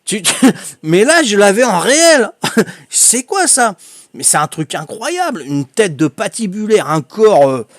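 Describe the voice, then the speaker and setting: An older man with a high, light voice tells stories to his stream in a rambling, chatty way, laughing often. His is clear, and the sound is close and dry, with no room echo. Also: sing-song, measured pace. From Corsica. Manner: chatty, laughs often, full of fillers and repeats. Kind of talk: casual anecdote telling.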